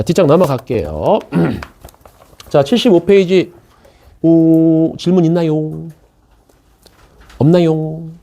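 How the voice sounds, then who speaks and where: Male math teacher lecturing a class, very animated swings in pitch and a mellow, slightly husky tone, chatty and playful with students. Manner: chatty, jokes with students, keeps checking in.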